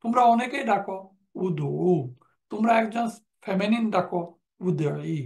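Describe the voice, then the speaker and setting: A man gives a recorded lecture on Quranic Arabic grammar, drilling verb forms aloud and reciting verses between them. His voice has a rough, gravelly edge. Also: high-pitched, lively intonation, moderate pace, a little mellow.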